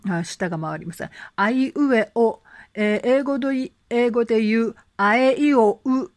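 A woman teaching English conversation in an online lesson, speaking in a gentle, encouraging way with frequent fillers and reading out slow, careful English examples for learners to repeat. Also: on the high side, dry recording.

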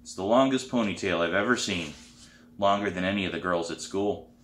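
A man reading his own novel aloud, narrating in a plain, steady way. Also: sits low, fairly quick, roomy sound. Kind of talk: storybook read-aloud.

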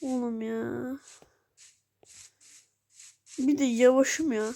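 A woman with a stuffy nose giving chatty, excitable let's play commentary as she plays, swearing playfully. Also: fairly high pitch, extremely slow, vocal fry, low-quality recording. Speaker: gaming channel host. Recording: loud background noise.

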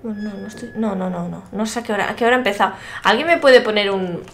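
A woman's voice: medium pitch, fast, a bit bright, a little hiss or hum. A young woman from Spain streaming a horror game live, chatting to her viewers and startling easily into shrieks. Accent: Spain Spanish.

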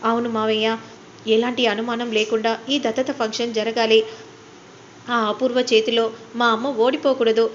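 A woman's voice: on the high side, level tone, moderate pace, pauses often, highs cut off, slight background noise, close to an everyday voice. A woman voicing a clever young wife who speaks politely but coolly mocks her rival. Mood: determined. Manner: polite on the surface, coolly mocking.

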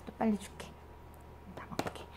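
A mother speaking soft, sing-song baby talk while spoon-feeding her baby at home, repeating little chewing sounds to coax each bite. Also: moderate pace. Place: home, at the baby's feeding chair.

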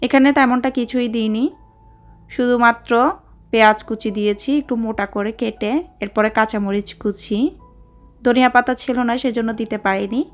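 A woman's voice: fairly high pitch, steady tone, normal speed, soft background music. A woman from Bangladesh in casual vlog narration, chatty as she explains a recipe step by step. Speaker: vlogger. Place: mall, indoors.

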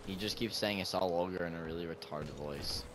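A man's voice: deep voice, brisk. Young man bantering over noisy game chat. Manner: crude, foul-mouthed banter. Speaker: gamer in a group voice chat. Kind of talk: casual joking chat while gaming.

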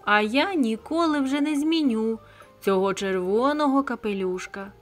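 A woman's voice: on the high side, moderate pace, soft background music, natural voice. A woman voicing a group of vain, carefree little frogs boasting about their new clothes in a storybook tale. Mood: boastful.

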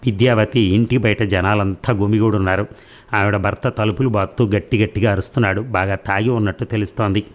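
A man narrating a novel in an audiobook reading, calm and even. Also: lowish voice.

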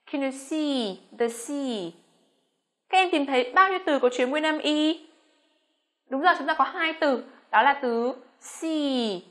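A Vietnamese woman teaching English pronunciation, speaking slowly on her model words between quicker explanations. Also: fairly high pitch, fairly bright tone. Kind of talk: pronunciation lesson.

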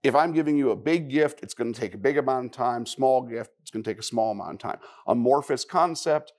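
A man's voice: medium pitch, fairly quick, darkish tone. Man giving a wry live tech talk. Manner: conversational, asks the audience questions, wry asides. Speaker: conference speaker. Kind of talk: live technical conference talk. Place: conference room before a live audience.

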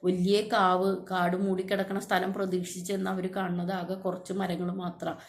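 A woman talks students through a story in a low, fairly flat voice. She is unscripted, full of fillers, restarts and asides to her listeners. A faint hiss sits under the recording. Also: moderate pace. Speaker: teacher retelling a textbook story. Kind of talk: casual spoken lesson retelling a story.

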